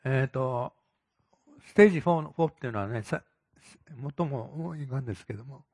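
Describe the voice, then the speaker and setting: Quick husky man, off mic. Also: medium pitch, darkish tone, no echo, studio quality.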